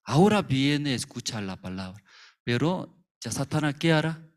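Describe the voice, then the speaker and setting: A man's voice: mid-range voice, very animated, moderate pace. A male pastor preaching a sermon in simple, broken phrasing, full of rhetorical questions and acted-out characters.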